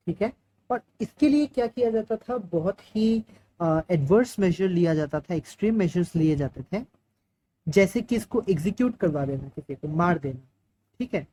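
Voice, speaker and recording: Woman lecturer, warm mellow voice. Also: mid-range voice, rough recording. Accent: Indian. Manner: explains step by step, asks and answers her own questions. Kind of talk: Hinglish classroom lecture.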